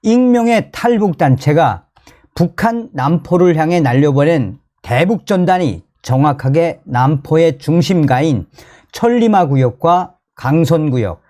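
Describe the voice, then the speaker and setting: A man from North Korea with a North Korean accent, delivering news commentary to viewers in an emphatic, excitable way and often repeating his phrases. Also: on the high side, measured pace. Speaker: host of a commentary channel.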